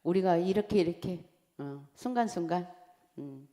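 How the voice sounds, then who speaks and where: A middle-aged woman preaches in a church hall, her voice low and mellow, with a long reverb trailing after each phrase. She talks candidly and laughs at herself, then drops to a quiet read when she gives the next point of her outline. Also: animated, normal speed. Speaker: pastor's wife preaching to Sunday school. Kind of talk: conversational sermon. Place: church sanctuary.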